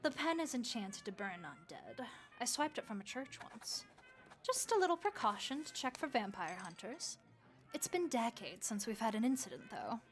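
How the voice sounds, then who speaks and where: In an audio roleplay, a woman plays a friendly, motherly vampire innkeeper who speaks gently and reassuringly to the listener. Her voice is fairly high and sing-song, at a normal speed.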